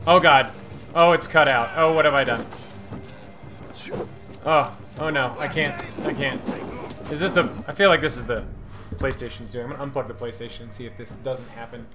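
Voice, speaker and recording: A man giving casual gameplay commentary as a streamer, excitable and cursing at enemies while game music plays. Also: medium pitch, moderate pace, long pauses. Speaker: gaming streamer. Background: game audio and music.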